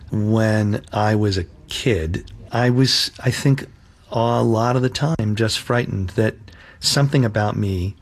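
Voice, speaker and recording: A man in his fifties, a rabbi, slowly and reflectively telling his personal story in an interview. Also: on the low side. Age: 50s.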